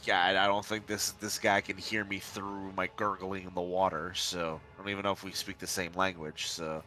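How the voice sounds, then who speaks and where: A man's voice: deep voice, level tone, normal speed, bright, forceful tone. A man talking casually and somewhat hesitantly as a player in a tabletop role-playing game.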